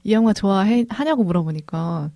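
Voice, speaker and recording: Mellow-voiced woman discussing a film. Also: medium pitch, expressive, fairly quick, dry recording. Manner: thoughtful, retells a conversation at length. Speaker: podcast co-host, film director.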